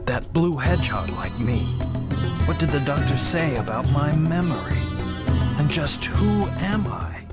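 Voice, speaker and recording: A cool, mysterious antihero hedgehog from a video game. He is stoic with soft inflections, slowly paced, over loud music. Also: a little high, expressive. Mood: brooding. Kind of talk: video game character acting.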